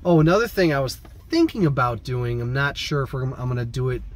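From a parked van, a vlogger hailing from the American Midwest rambles casually to camera in a medium-pitched, brisk voice with lively intonation. He films at arm's length on a phone or camera, and clear background noise and vehicle ambience fill the recording.

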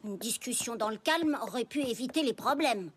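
A woman's voice: on the high side, lively intonation, normal speed, slight background noise, close to an everyday voice. A woman voicing a small male talking pig in an anime dub, blunt, cheeky and exasperated. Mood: exasperated, mocking.

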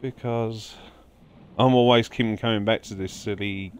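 A man's voice: on the low side, steady tone, moderate pace, slight background noise. Chatty man narrating his gameplay. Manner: chatty, talks to game creatures while playing. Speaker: gaming livestreamer. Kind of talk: casual let's-play commentary.

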